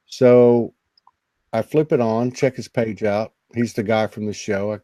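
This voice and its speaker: A man, a guest on a spiritual talk show, telling a personal story in an earnest, emotional, halting way. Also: lowish voice, fairly even intonation, dark tone, no echo, poor audio. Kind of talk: personal storytelling in casual conversation.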